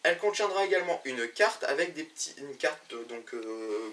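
A man's voice: fairly high pitch, expressive, moderate pace, fairly bright tone, distant mic, a little hiss or hum. A man hosting a web show about games, presenting news to camera in a chatty way, with many fillers and restarts.

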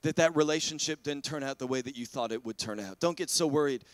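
A man's voice: medium pitch, quick pace, no echo. A male pastor preaching a sermon in an earnest way, often repeating words as he builds momentum and calls out to the congregation.

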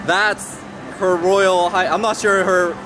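A man in his thirties vlogging casually while walking through an indoor mall food market, filming at arm's length and talking excitedly with many fillers and restarts. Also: high-pitched, takes it slowly, noisy background. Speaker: travel vlogger host. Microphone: handheld camera at arm's length.

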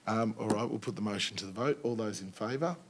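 An Australian man chairing a council meeting as mayor, brisk and procedural, with filler words. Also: on the low side, a little hiss or hum. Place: council chamber.

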